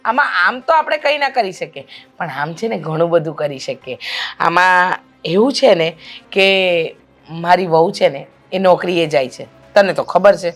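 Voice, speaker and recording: A woman playing a pushy middle-aged mother-in-law who wants a grandson, talking loudly and insistently in a family drama. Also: fairly low pitch, expressive, unhurried, soft background music. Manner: loud, insistent, scolding. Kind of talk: amateur family drama acting.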